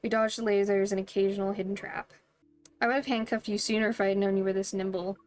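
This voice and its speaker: A woman's voice: medium pitch, flat delivery, quick pace, darkish tone, faint music behind. A woman streaming a game, reading its text aloud and breaking into bubbly, giggly, playful asides.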